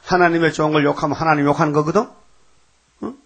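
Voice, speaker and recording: A man's voice: a little high, fast talker. A man preaching a sermon in a conversational, emphatic way, often throwing rhetorical questions at his listeners.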